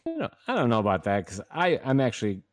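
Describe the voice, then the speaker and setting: A man's voice: medium pitch, sing-song, fast talker. A man co-hosting a casual podcast, laid back and laughing as he tells stories. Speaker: podcast co-host.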